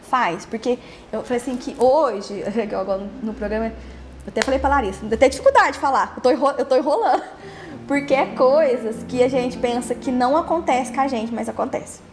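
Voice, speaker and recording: Young woman, Brazilian accent, rapid speech, halting personal testimony, repeats words. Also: fairly high pitch, soft background music. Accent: Brazilian Portuguese. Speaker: podcast host interviewed as guest.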